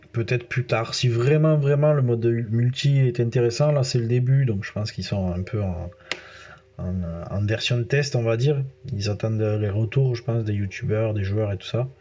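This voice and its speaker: A man's voice: fairly low pitch, warm tone, dull audio. A man with a southern French accent giving casual let's-play commentary as a gaming YouTuber, chatting straight to his viewers with lots of fillers.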